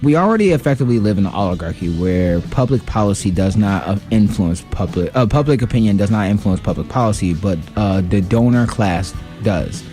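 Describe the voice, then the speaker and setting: A man co-hosting a political radio talk show, animated and exclamatory, with frequent interjections. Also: medium pitch. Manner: animated, exclaims often, says dog.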